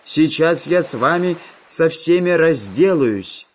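A man voicing a booming, gloating plant lord. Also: expressive, measured pace. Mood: gloating threats. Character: menacing mad male plant lord, gloating. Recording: slightly dull, faint music.

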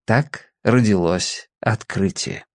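A man's voice: on the low side, slow pace, no echo, clean studio sound. A man reading a children's story aloud, expressively giving each character a voice of their own.

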